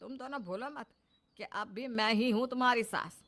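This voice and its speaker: A woman's voice: a little high, normal speed. A woman voicing a stubborn, scolding old mother-in-law in a cartoon story. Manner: scolding, sharp retorts. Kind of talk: cartoon dub.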